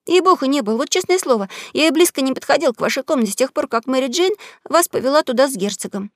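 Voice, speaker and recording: A woman raises her voice into a wily young boy who chatters eagerly and feigns innocence. His lines come out higher and brighter, from a storybook heard close and dry. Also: lively intonation, fast talker, dry recording. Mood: innocent. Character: cunning quick-witted young boy.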